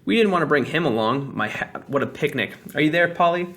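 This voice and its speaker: A man's voice: fairly high pitch, animated, brisk, a bit bright. A man voicing a plucky, practical young schoolboy in a storybook, matter-of-fact, with old-fashioned schoolboy talk. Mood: exasperated.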